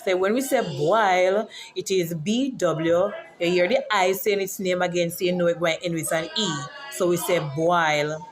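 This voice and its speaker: A woman's voice: fairly low pitch, normal speed, hardly any pauses, soft background music. Jamaican woman teacher vlogging casually. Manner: explanatory, teacherly, spelling words out. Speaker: teacher and author. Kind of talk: casual vlog.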